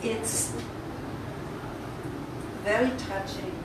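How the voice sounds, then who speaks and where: Halting middle-aged woman in an echoey room. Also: medium pitch, steady tone. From Switzerland. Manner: halting, with frequent pauses. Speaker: art therapist and pastor, panel speaker. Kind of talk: public talk at an exhibition opening. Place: exhibition space. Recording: echoey room, distant mic, loud background noise.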